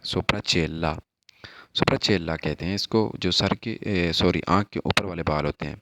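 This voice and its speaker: A man giving a casual language lesson, slowly repeating vocabulary and its meanings. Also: deep voice, background noise. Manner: slow repetitive word drills. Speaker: language teacher.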